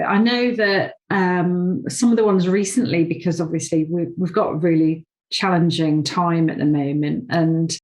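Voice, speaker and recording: With a lowish, slightly mellow voice, a woman runs a podcast interview over a video call. She is an awards founder as well as the host, and her conversational style is chatty and rambling, with plenty of filler words.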